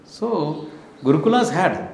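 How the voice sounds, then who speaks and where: A man's voice: on the high side, animated, unhurried, creaky, a little hiss or hum. A man with an Indian accent giving an informal spiritual lecture, telling stories in short emphatic phrases, asking rhetorical questions and slipping into Hindi and Sanskrit. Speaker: spiritual teacher. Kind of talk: informal scripture lecture with storytelling. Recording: echoey room.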